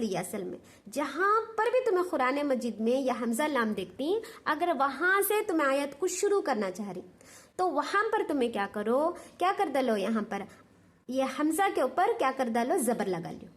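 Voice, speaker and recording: A woman's voice: sits high, big pitch swings, moderate pace. A woman teaching Quran recitation rules with a Hyderabadi Urdu accent, explaining step by step, patient and repetitive, checking that her students understand.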